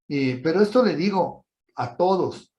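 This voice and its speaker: A man's voice: a little high, lively intonation, unhurried, darkish tone. A man preaching a sermon, telling a personal story and then asking listeners emphatic rhetorical questions.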